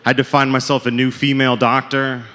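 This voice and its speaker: A man's voice: medium pitch, flat delivery, fast, sharp tone. Self-deprecating male stand-up comic. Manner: self-deprecating, punchline-driven, addresses crowd as folks. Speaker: stand-up comedian. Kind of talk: stand-up set. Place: comedy club stage. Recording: live club with long reverb.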